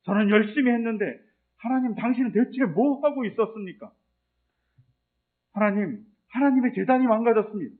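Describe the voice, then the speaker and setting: A man's voice: high-pitched, expressive, brisk, pitched above the performer's own voice. A man preaching voices a worn-out, indignant male prophet who demands answers from God, pleading and accusing, over a tinny phone-like line.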